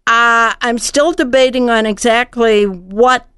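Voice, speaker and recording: Clear, smooth-voiced older woman guest. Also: a little high, steady tone, takes it slowly, a bit bright, no room sound, clean studio sound. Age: older, over 55. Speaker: radio show guest. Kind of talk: conversational interview answers.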